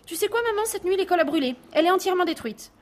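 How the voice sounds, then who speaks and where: A woman voicing a sheepish little boy who tells fibs, high and hesitant with little "euh"s, in a storybook reading. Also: lively intonation, racing.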